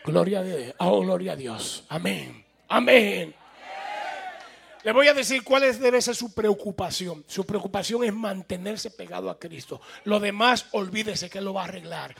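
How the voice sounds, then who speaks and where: A man preaching a sermon as a pastor, with emphatic, animated delivery and acted-out quotes to his congregation. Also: sits high, moderate pace, creaky, few pauses, husky. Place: church sanctuary.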